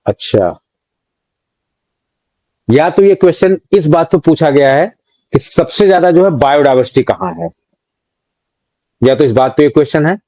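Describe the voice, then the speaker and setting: A man with an Indian accent and a somewhat high, expressive, mellow voice runs a live online exam-prep quiz class, talking at a normal speed with frequent pauses. He reads out student names and their answers, mixes English terms into his speech, and scolds the class jokingly. The recording is dry and of low quality.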